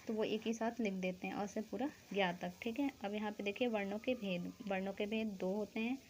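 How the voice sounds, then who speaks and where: A woman's voice: mid-range voice, a little mellow, a little hiss or hum. A woman teaching a school grammar lesson, explaining step by step, asking questions and answering them herself, checking in often with the class.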